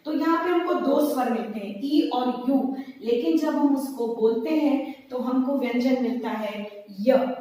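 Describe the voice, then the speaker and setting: A woman teaching an English grammar lesson, explaining slowly and spelling out example words one by one. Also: high voice, a little mellow. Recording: echoey room, distant mic.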